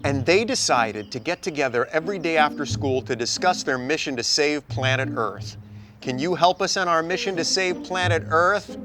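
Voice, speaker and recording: A man playing an enthusiastic dinosaur ranch ranger in a children's adventure skit, animated and playful. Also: fairly high pitch, moderate pace, close to an everyday voice. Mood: storytelling. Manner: animated, playful, exaggerated reactions. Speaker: children's show performer. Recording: music behind the voice.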